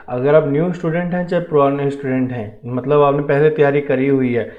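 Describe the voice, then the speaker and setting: A man with an Indian accent teaches an online math lesson, his voice sitting a little high. He explains steadily and encouragingly, checking often that his students keep up. The sound is thin and phone-like, with a roomy echo. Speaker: math teacher for defence entrance exams. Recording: tinny phone-like audio with room echo.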